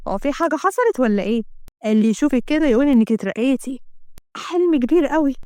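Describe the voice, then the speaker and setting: A woman's voice: sits high, animated, fast talker, dark tone, no echo, clean studio sound. A woman voicing a naive, lovestruck young woman with an Egyptian Arabic accent, eager and full of wonder. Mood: giddy.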